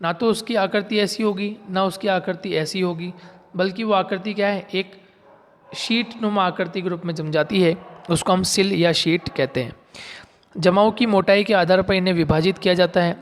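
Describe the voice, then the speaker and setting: A man's voice: high voice, fairly even intonation, moderate pace, long reverb tail. A man giving a geography lesson, explaining step by step and repeating key terms, asking his viewers questions and answering them himself. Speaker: geography teacher. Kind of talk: classroom lecture.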